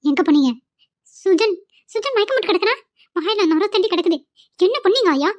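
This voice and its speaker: Woman playing a panicky young carer in a cartoon, really high voice, dry sound. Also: lively intonation, brisk, dry recording. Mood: frantic. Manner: urgent and pleading. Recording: dull, dry home recording.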